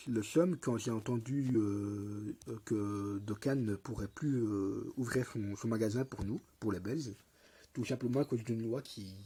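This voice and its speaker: Young guy with a cold and a lisp, mellow raspy voice, rambles thru a game tutorial, slangy and hesitant. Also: mid-range voice. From Belgium. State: congested with a cold. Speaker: mobile game YouTuber. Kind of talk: casual tutorial commentary.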